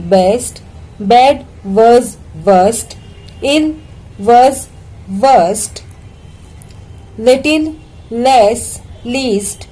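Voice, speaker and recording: A woman with an Indian accent gives a grammar lesson to children, speaking slowly and deliberately. Her voice sits fairly high but has a soft, mellow tone. She keeps asking her pupils questions and answering them herself, spelling words out letter by letter. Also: rough recording. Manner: explains in Hindi mixed with English, asks and answers her own questions. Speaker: English teacher.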